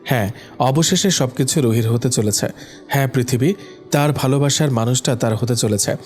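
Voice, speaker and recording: Guy reading a romance story out loud, does the couple's lines himself, soft music faint underneath. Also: medium pitch, normal speed. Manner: reads all the characters himself with small voice shifts. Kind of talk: scripted audio story narration.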